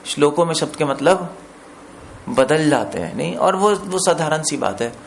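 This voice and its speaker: Man with a higher voice preaching scripture. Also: lively intonation, moderate pace, gravelly, a little hiss or hum. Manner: explains with questions to listeners, mixes in English words. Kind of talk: scripture discourse.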